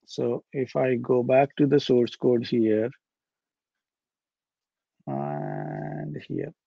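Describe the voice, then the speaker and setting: Young man, gravelly, thinking-aloud software demo, dry dull video call audio. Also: mid-range voice, huge pitch swings, very slow, dry recording. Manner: casual, thinking aloud with fillers like "right?" and "this guy". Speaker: meetup presenter. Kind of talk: live software demo with screen share. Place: indoor room.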